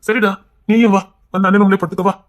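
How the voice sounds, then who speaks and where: An actor voicing a caring, bossy elder brother in a cartoon web series, brisk and insistent, with a Kanyakumari Tamil accent. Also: male voice, high-pitched, little pitch movement, natural voice.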